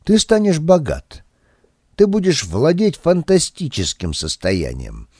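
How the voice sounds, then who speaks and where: A man reading an audiobook, voicing a calm tree-man who foretells people's fates in a measured, low voice. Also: husky, no room sound, studio quality, full character voice. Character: calm suffering male tree-man prophet.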